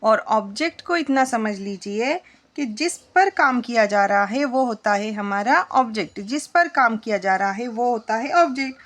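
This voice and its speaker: A woman's voice: a little high, lively intonation, a bit bright. A woman teaching a spoken English lesson in Hindi, patiently quizzing her students as she goes. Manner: slow, patient, asks the class questions.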